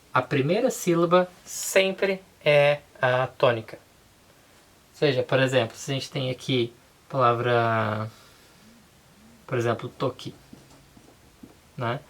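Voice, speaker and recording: A woman with a Brazilian Portuguese accent giving a casual online language lesson, relaxed and unhurried, often checking in with her listeners. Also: deep voice. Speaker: language teacher.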